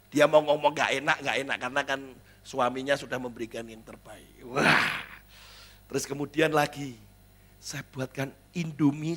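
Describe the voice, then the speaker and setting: A middle-aged male pastor with a medium-pitched voice delivers a sermon in church. He shifts between loud exclamations and quiet, chatty asides, and acts out little dialogues.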